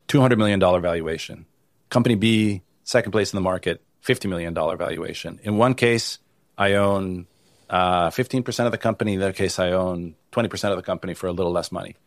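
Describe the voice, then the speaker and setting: An Italian-born venture capital investor answers interview questions as a guest in a low voice. He speaks casually, restarting often and saying "you know" a lot. The recording is clean studio sound with no room sound.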